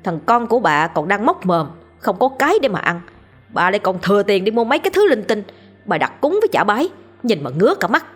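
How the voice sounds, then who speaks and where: A woman's voice: lowish voice, lively intonation, normal speed, pauses often, slightly rough, soft background music. A woman voicing a drunken, foul-mouthed young man who scorns his mother in a narrated ghost story. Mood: scornful, raging. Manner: shouting insults, scornful.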